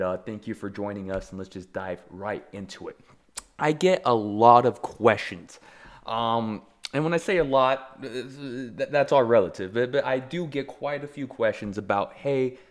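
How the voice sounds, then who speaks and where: A young man hosts a solo motivational podcast, talking energetically with a fairly low voice. He leans hard on emphasis and slips in self-deprecating asides as he goes. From Taiwan. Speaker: podcast host.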